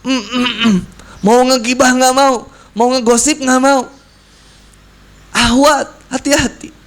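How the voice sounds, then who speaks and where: A man preaching to young people with a lilt and a strikingly high voice. He talks in a loose, slangy way and keeps acting out little voices and scenes to make his points. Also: slow. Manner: lively, slangy, acts out voices. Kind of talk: casual youth sermon.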